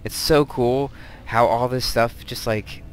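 A man with a mid-range voice hosts a let's play, speaking slowly in a steady tone. He chats casually and thinks aloud while he plays, often drifting off into side stories.

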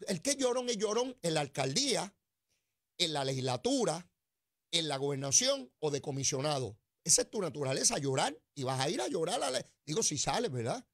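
A man's voice: high-pitched, fairly bright tone. A man with a Puerto Rican accent hosting a political commentary show, delivering a sarcastic, mocking monologue. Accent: Puerto Rican Spanish. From Puerto Rico. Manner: sarcastic, mocking, mimics crying whiny voices.

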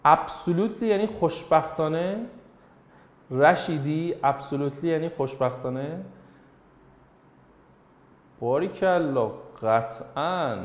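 A male teacher running an English lesson, coaxing and quizzing his students by name. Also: fairly high pitch. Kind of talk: classroom English lesson in Persian. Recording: roomy echo.

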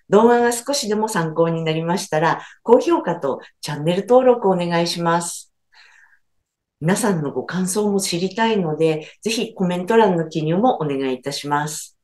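A woman's voice: lowish voice, darkish tone. A woman teaching English phrases in a lesson video, switching between her explanations and example phrases in English.

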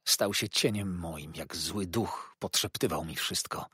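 A man's voice: low voice, measured pace, bright, forceful tone, slightly rough, no room sound, studio quality, exaggerated voice. A man voicing a despairing older father who laments his fall in a pleading, grief-stricken way. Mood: lamenting. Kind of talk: audiobook character voice.

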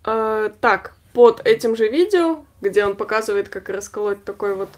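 A woman's voice: medium pitch, moderate pace. A woman in her twenties co-hosting a vlog, chatting casually and reading out comments with informal, wry humour. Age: 20s. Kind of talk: casual chat. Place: small indoor room packed with gear.

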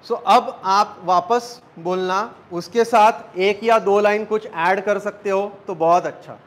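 A man's voice: sits high, fairly even intonation, slow pace, rough recording. A man, an acting coach teaching a class, quizzing students and joking with them.

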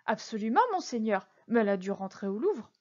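Storybook role: a nervous, stammering shopkeeper, high and eager to please, voiced by a woman; muffled lo-fi sound. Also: very animated, fairly quick, darkish tone. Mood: anxious. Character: timid, fawning middle-aged male shopkeeper, nervous prisoner.

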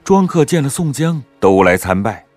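A man narrating a classic story in a measured, expressive way. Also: medium pitch, soft background music.

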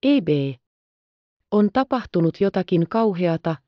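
A woman's voice: medium pitch, expressive, no room sound, natural voice. A woman reading the part of a young frontier woman, speaking in defiant, urgent exclamations. The audio is slightly dull. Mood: breathless, frightened.

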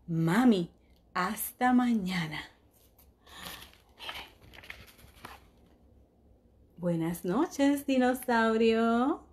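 A woman teacher reading a storybook aloud to young children, full of exclamations and questions to them, softening at bedtime. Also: mid-range voice, a little hiss or hum. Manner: slow and soft at bedtime.

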